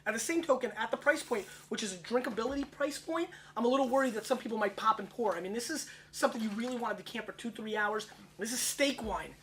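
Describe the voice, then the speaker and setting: This thirty-something wine tasting host talks in a very high, pushed, bright voice. He's brash and jokey, firing off casual tasting chat at speed.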